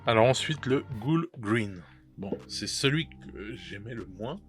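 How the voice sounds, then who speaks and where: A man's voice: on the low side, lively intonation, a little slow, faint music behind. A man casually reviewing paint colors, chatty and hesitant, with many fillers and restarts and self-mocking laughs at his own mistakes. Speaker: miniature painting youtuber.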